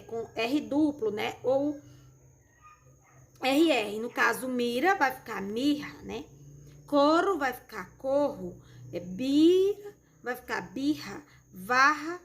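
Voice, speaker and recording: A woman's voice: fairly high pitch, fairly bright tone. Affectionate Brazilian schoolteacher woman. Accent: Brazilian Portuguese. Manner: affectionate, repeats words slowly for children. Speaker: primary school teacher. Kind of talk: recorded remote lesson correction.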